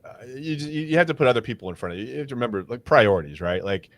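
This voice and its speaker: Male podcast co-host, emphatic, restarts sentences, mid pitch, animated delivery. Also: rapid-fire, no echo. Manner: emphatic, repeats words when worked up. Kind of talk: casual sports podcast chat.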